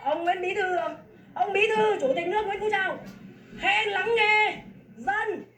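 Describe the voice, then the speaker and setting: This woman's voice is very high and fairly bright, and her pace runs a little slow. She is a farmer from Vietnam angrily denouncing a land seizure in public, scolding fiercely and repeating herself, with echoey sound picked up at a distance from the microphone.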